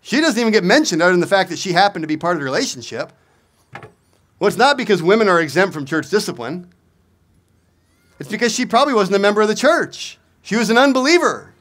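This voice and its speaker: A man's voice: extremely high pitch, a bit bright. A middle-aged male pastor preaching a sermon at an outdoor lectern, driving his points home with rhetorical questions and emphatic repetition. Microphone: stand mic on lectern.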